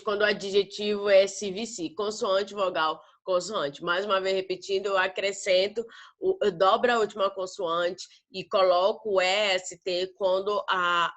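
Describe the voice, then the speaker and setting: A woman's voice: mid-range voice, fairly bright tone. A woman from Brazil teaching an English grammar lesson in Portuguese, explaining patiently and checking in with the students after nearly every step. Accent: northern Brazilian Portuguese. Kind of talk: recorded classroom lesson.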